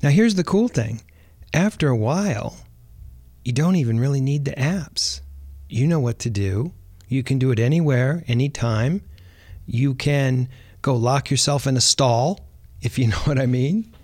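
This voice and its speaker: A man hosting a podcast, talking in a relaxed, chatty way and often repeating words as he thinks. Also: medium pitch, measured pace, dry recording, studio quality. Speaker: podcast host. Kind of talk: casual podcast talk.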